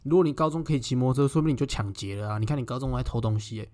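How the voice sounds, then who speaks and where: A man's voice: mid-range voice, very fast, a little mellow. A young man co-hosting a casual podcast, teasing his friend bluntly and swearing freely. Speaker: podcast co-host. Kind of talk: casual chat.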